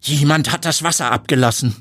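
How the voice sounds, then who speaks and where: A man's voice: medium pitch, brisk, a bit bright, no room sound, clean studio sound, voice pushed up, close to an everyday voice. A man voicing a curious, pushy young female reporter asking pointed questions. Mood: insistent. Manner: inquisitive, pushy.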